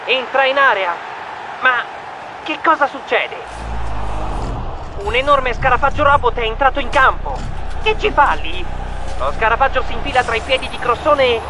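A man voicing an excited male mouse football commentator in a storybook, in rapid sports-commentary style. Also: very high voice, noisy background, voice pushed up.

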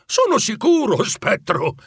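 A despairing old miser, as a male storyteller puts him on, begging with a husky, strained voice that climbs high and swings widely. The sound is close and dry, as in a storybook audio reading. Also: wildly swooping pitch, unhurried, a bit bright, dry recording, full character voice. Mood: fearful. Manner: anguished, pleading, high-pitched. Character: remorseful old miser man, pleading.

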